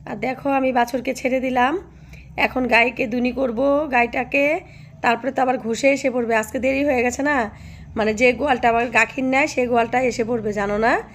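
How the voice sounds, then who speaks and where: Hoarse, chatty village woman vlogger. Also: fairly high pitch, a little hiss or hum. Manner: chatty, affectionate, keeps asking viewers "you know?". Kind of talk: casual vlog chat to viewers. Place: by a cowshed.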